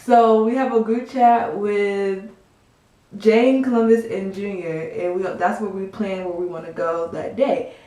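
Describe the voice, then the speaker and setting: A woman's voice: mid-range voice, fairly even intonation, a little slow, dark tone. A young woman casually telling a rambling story to the camera, full of fillers. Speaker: storytime vlogger. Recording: echoey room.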